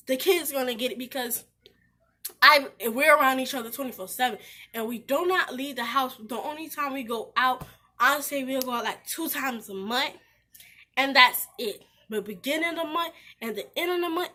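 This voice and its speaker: A woman vlogger telling a personal story in a casual, animated way, speaking straight to her viewers and often restarting her sentences. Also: a little high.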